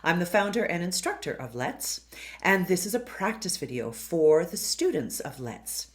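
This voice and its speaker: Low-voiced woman coaching singing pronunciation. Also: big pitch swings, normal speed. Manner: over-enunciates model words, loud and drawn out. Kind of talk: pronunciation lesson.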